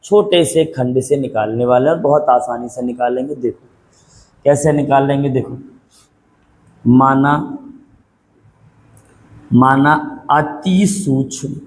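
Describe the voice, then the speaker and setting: Male physics teacher, patient call-and-response lecturing with slow dictation. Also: medium pitch, mellow, rough recording. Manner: repetitive call-and-response questioning; patient, dictates slowly for note-taking. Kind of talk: classroom lecture.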